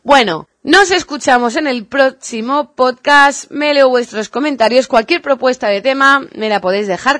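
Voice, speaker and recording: A woman hosting a solo podcast about dog training, explaining calmly and addressing her listeners directly. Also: on the high side, no room sound, studio quality.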